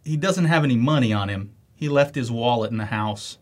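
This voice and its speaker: Man acting a concerned, loyal friend, lively intonation. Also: medium pitch, fairly quick, close to an everyday voice. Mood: gently persuading. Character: concerned, loyal male friend and husband, pleading gently. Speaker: actor in an English lesson dialogue. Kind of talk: scripted dialogue acting.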